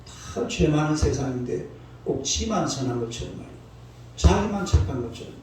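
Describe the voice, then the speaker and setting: A man's voice: fairly high pitch, expressive, normal speed, a little mellow. An older man in his sixties, a pastor preaching a dawn sermon in a folksy, scolding way, prompting the congregation to answer back. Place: church sanctuary. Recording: echoey church hall, mic far off, faint noise.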